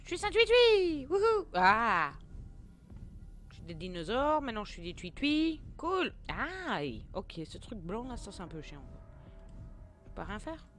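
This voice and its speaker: A woman's voice: mid-range voice, moderate pace, soft background music. A young woman giving let's play commentary with lots of exclamations, jokes and laughter. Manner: expressive, exclaiming, jokey, laughs often. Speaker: gaming video creator.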